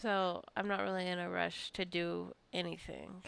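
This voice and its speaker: A tired gameplay streamer who wants coffee gives casual, rambling commentary, jokingly scolding her characters. Her voice is lowish, creaky, a bit bright, clear and resonant, with little pitch movement at a moderate pace.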